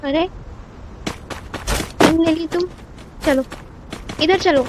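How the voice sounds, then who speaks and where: A woman's voice: very high-pitched, very slow. A young woman from Jharkhand in her twenties, chatting casually while gaming and urgently directing her teammate. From Jharkhand, India. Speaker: gamer. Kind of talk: casual gameplay chat. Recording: noisy game audio.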